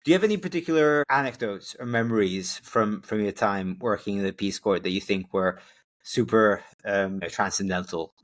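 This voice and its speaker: A man's voice: lowish voice, normal speed. A man from Costa Rica and Hungary hosting a podcast, asking thoughtful questions in a chatty way. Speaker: podcast host. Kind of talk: casual interview conversation.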